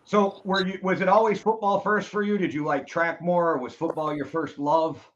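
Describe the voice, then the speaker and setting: A man's voice: high-pitched, little pitch movement, moderate pace. A man from Wisconsin hosting a casual interview, eager and chatty as he asks questions. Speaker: podcast host. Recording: dull lo-fi sound.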